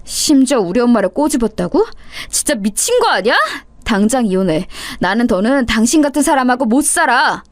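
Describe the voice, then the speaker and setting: A woman's voice: on the high side, sing-song, a little fast, few pauses, dry recording. A woman doing a furious eldest son. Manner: angry, accusing.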